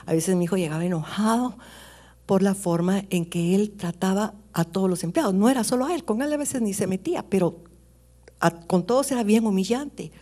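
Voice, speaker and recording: Middle-aged woman, sermon, lowish voice, sudden loud outbursts and whispered asides. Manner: dramatic swings between loud exclamations and hushed whispers. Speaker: preacher.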